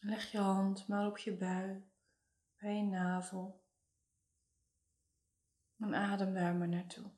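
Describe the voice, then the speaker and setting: A woman narrates a guided meditation at a slow, unhurried pace. Her delivery is soothing and hushed, with very little rise or fall in pitch. The voice sits in a noticeably echoey room. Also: little pitch movement.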